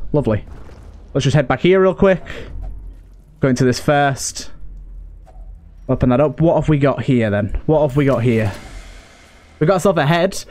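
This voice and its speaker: A let's play host with a slightly high, somewhat mellow voice casually narrates his gameplay live. He muses aloud and talks to the characters while game music plays behind him.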